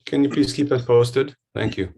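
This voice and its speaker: A man's voice: medium pitch, moderate pace, gravelly, dark tone. A man commissioner asking stumbling questions with lots of uh at a public meeting.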